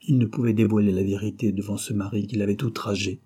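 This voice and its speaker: Mellow, husky man reading aloud. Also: lowish voice, quick pace. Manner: reads the dialogue with raised, lively voices. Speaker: audiobook narrator. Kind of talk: scripted narration.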